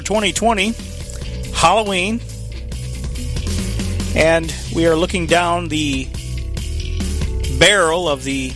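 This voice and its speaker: A man hosting a live radio talk show, speaking casually with fillers, restarts and little chuckles. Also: a little high. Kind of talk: casual political commentary.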